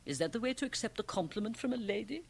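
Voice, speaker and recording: In a 1980 radio drama, a woman plays a grotesque, sly European magic-show performer, teasing and provocative in a theatrical way. Her voice is a little high, expressive and fast with vocal fry, and the home cassette transfer adds a little hiss or hum.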